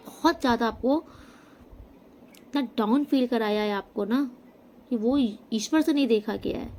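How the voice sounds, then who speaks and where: Female tarot reader, higher mellow voice, emphatic direct address, light background hiss. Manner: emphatic, addresses viewer directly with frequent "okay?". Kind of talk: tarot reading monologue. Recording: faint background noise.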